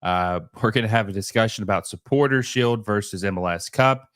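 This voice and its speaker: A man who is feeling sick, with a hoarse, scratchy voice, hosting a casual livestream of soccer commentary in a halting way that often repeats phrases. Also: lowish voice, fairly bright tone, no echo, studio quality. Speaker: host of a soccer show.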